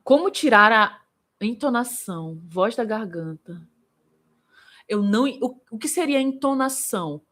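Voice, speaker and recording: A woman vocal coach in Brazil leads a live singing lesson. Her voice is bright and sits a little high. She explains with energy and answers viewers by name. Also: unhurried. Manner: lively, demonstrative, breaks into vocal examples.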